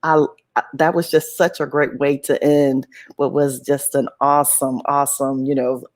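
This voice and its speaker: A woman's voice: extremely low pitch, flat delivery, moderate pace. A woman co-hosting a talk show, chatting enthusiastically and laughing often. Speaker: show co-host. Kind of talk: casual podcast chat.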